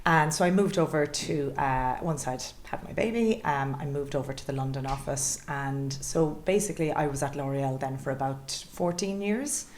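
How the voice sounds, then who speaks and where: A woman's voice: very deep voice, normal speed, hardly any pauses, darkish tone, slight background noise. A woman in her late forties with a west of Ireland accent, telling her career story conversationally as an interview guest. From Galway, west of Ireland. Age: late 40s. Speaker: interview guest, chief executive.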